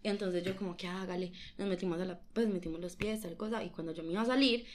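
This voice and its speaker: A young woman with a Colombian accent, telling a personal story in a giggly, animated way, full of slang. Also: fairly low pitch, fast. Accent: Colombian Spanish. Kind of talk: casual chat.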